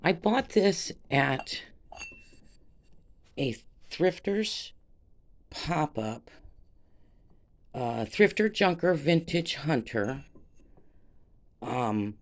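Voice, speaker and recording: A woman's voice: low voice, very animated, extremely slow, pauses often. An older woman who resells vintage glass, chatting to her viewers in a rambling, sentimental way. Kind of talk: casual vlog chat.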